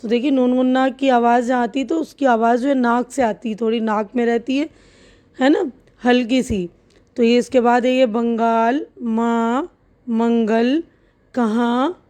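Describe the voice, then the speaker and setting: A woman's voice: fairly high pitch, steady tone, a little mellow. A woman teacher explaining a lesson, patiently spelling out each letter. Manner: spells letters out slowly and patiently, stretching words. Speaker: Urdu teacher. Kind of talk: slow step-by-step lesson explanation.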